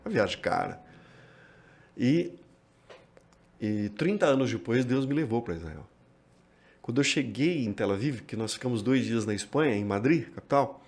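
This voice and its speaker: A Brazilian pastor, telling a travel story as a podcast guest. He is a lively storyteller who acts out quoted dialogue. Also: medium pitch, normal speed, long pauses. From Minas Gerais, Brazil. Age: 50s.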